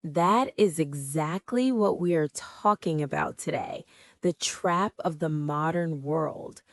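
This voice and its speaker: A woman hosting a scripted English lesson, encouraging and spelling words out clearly for learners. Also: deep voice, takes it slowly, no echo. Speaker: English teacher host. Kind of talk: scripted teaching dialogue.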